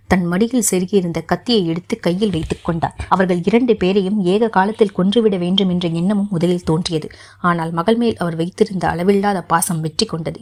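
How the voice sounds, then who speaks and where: A woman narrating a historical novel for an audiobook. She reads in a steady, measured way, with a fairly low voice. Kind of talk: scripted narration.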